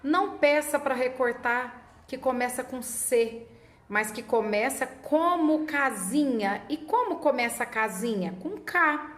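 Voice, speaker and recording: A woman's voice: high voice, animated. A woman literacy teacher explaining classroom methods to other teachers, sometimes acting out how she chants words with children. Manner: demonstrates classroom chanting, slow and deliberate. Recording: echoey room with faint ambience.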